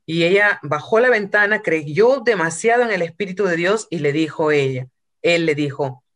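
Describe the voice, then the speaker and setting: A woman's voice: lowish voice, normal speed, a bit bright. A woman preaching a sermon from Peru, retelling a story and acting out quotes, with some English phrases.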